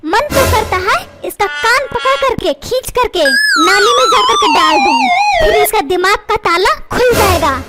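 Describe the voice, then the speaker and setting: A woman's voice: very high voice, huge pitch swings, moderate pace, few pauses, exaggerated voice. A woman voicing a rude, cheeky schoolboy in a cartoon who mocks his father. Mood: mocking. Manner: mocking, taunting. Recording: loud background music.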